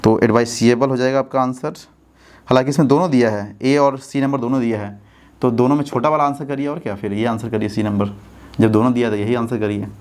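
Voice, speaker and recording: A man's voice: mid-range voice, fairly even intonation, brisk, a little mellow. Indian man teaching exam English. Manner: explains step by step, asks students rhetorical checks. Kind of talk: exam-prep lesson explaining answers.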